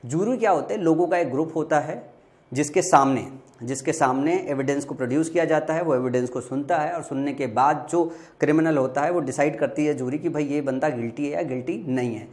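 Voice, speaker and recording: A man's voice: on the high side, a little fast, darkish tone. A young man teaching an exam-prep vocabulary lesson, explaining patiently and asking and answering his own questions. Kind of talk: exam-prep lesson, Hindi mixed with English.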